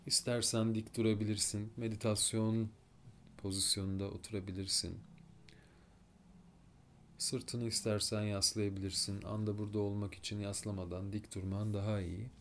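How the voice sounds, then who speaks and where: A man with a fairly low voice leads a guided meditation. He speaks slowly and softly, leaving long pauses between short instructions. A faint noise sits under the recording. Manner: slow, calm, soft-spoken instructions with long pauses.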